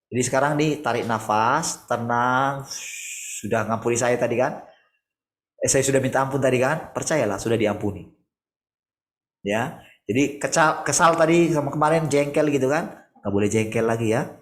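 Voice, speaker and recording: Over a video call, a male pastor delivers a conversational morning sermon, posing rhetorical questions and shifting between soft and raised tones. His mid-range voice moves at a moderate pace with frequent pauses.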